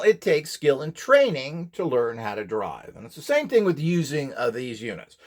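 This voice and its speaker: A man who sells courses and devices gives an informal instructional demonstration in a slightly high voice with very lively, swinging intonation. He's blunt and opinionated, pressing his points with emphasis.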